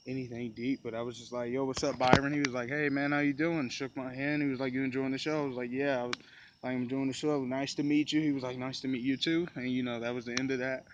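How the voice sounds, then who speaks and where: A man's voice: medium pitch, dull audio, a little hiss or hum. A man talking casually and at length to camera, loose and rambling with many fillers. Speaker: vlogger. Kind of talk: casual recap talk.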